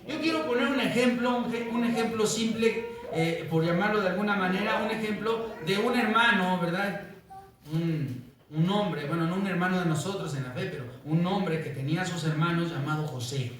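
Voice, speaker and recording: A man preaching a sermon as pastor, telling stories with lively acted-out voices and often asking "¿verdad?". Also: sits high, moderate pace, recorded from a distance, noisy background. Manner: animated storytelling, acts out quoted voices, asks "¿verdad?" often. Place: church. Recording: echoey church, voice from off-mic.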